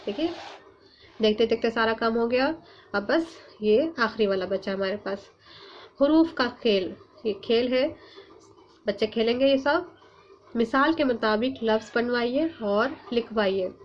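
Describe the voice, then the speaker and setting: Slow, patient woman teaching small children. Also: on the high side, expressive. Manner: slow, drawn-out sounding of letters and words; patient, coaxing questions to children. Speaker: Urdu teacher. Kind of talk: online class for young pupils. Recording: muffled lo-fi sound, faint hum.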